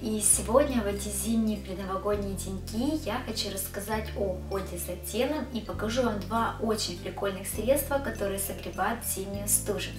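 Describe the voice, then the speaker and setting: A woman reviewing body care products to camera in a chatty way, talking to her viewers as girls. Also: medium pitch. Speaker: beauty vlogger. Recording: echoey room, distant mic.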